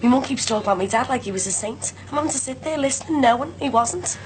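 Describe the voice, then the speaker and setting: A grieving young woman, numb and bitter, with a fairly high voice. Steady noise runs under her. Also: fast talker. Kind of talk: soap opera acting.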